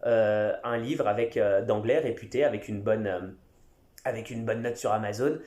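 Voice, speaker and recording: A man who teaches English, talking casually on his podcast with many pauses and restarts. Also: on the low side, a little mellow, echoey room. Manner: conversational, many fillers and restarts. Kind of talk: casual solo podcast talk.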